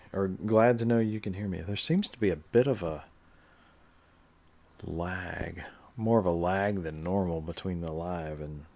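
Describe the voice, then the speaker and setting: Male livestreamer, very low voice, relaxed hobby chat while he works. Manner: relaxed, chatty, talking while stitching and reading chat. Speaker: cross stitch livestreamer. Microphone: webcam livestream setup.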